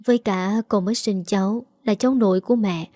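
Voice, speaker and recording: A woman voicing a young new mother who speaks softly and apologetically. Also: mid-range voice, fairly quick, no echo, clean studio sound, natural voice. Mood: pleading. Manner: soft, apologetic.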